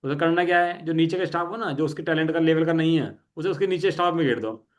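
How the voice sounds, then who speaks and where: A middle-aged man teaching a study class, reading definitions slowly and asking students to check their understanding. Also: fairly high pitch.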